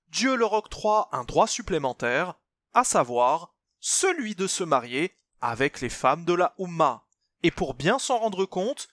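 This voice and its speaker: Speaking straight to his audience, the presenter of a religious commentary channel walks through a text step by step in scripted explanatory narration. His voice is a bit high and fairly bright, with no room sound, and his manner is emphatic and instructive.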